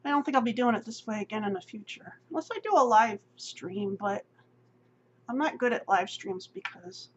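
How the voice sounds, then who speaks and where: A woman's voice: a little high, moderate pace. A middle-aged woman vlogging in a rambling, self-deprecating casual chat, often laughing. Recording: dull lo-fi audio with faint hum.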